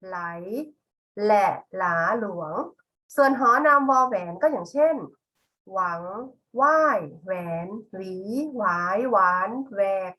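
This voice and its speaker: Slow, bright-voiced woman teacher. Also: medium pitch, animated. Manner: patient, spells out each example word. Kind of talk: slow, clear classroom lesson.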